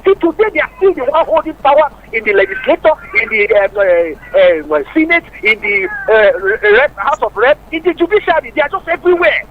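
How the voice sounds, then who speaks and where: A high-voiced man speaks over the phone as a radio caller. His delivery is emphatic and full of rhetorical questions, his pitch rising and falling a lot. The line sounds muffled, with a faint hiss behind him. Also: big pitch swings, a little fast, few pauses. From Nigeria. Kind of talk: call-in political commentary.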